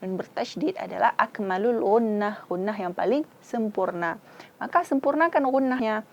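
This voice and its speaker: A woman's voice: mid-range voice, moderate pace, vocal fry, dull audio. A woman from Indonesia with an Acehnese accent, teaching Quran recitation and patiently sounding out each syllable. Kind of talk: slow, careful tajwid instruction.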